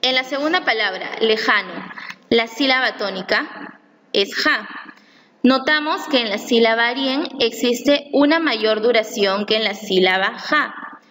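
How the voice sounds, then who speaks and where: A woman reading a scripted lesson aloud, slowly and carefully, stressing each syllable she explains. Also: fairly high pitch, a bit bright. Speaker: teacher. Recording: long reverb, faint room noise.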